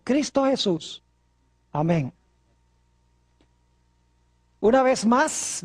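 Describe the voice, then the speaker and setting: Woman, preacher, televised Bible study sermon, formal and measured, slightly high voice. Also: a little mellow. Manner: formal, measured, slows to stress scripture verses.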